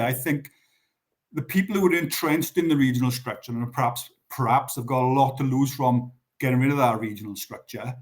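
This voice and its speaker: A man with a Welsh accent, a guest in a live Q&A, explaining at length with frequent restarts. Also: mid-range voice. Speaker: guest on a pigeon racing show. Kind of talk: live Q&A discussion.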